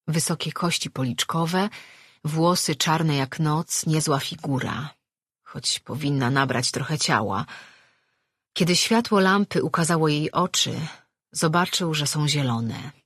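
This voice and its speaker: A narrator reading a fantasy novel aloud with a husky, slightly breathy tone at a middle pitch. The delivery is steady and measured. The recording is dry and close, with no room sound. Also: dry recording. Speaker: audiobook narrator.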